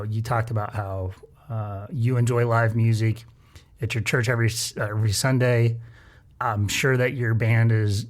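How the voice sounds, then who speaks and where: A man hosting an interview, talking loosely with many fillers and quick affirmations. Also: medium pitch. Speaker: podcast host. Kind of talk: conversational interview.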